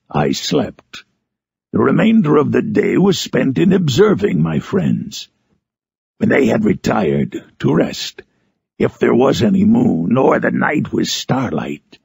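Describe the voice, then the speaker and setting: A man voicing Frankenstein's monster, a lonely, eloquent man-made creature, in a solemn, harsh storybook narration with drawn-out phrasing. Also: lowish voice, darkish tone, dry recording, muffled recording, exaggerated voice. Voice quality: harsh, gravelly, raspy. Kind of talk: dramatic audiobook narration in character.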